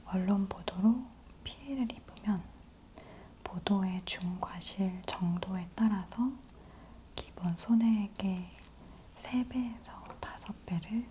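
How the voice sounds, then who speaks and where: A woman host whispering softly and close in an ASMR news briefing, gently explaining things to the listener. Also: mid-range voice, slight background noise. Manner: slow, gentle explaining to the listener in polite speech.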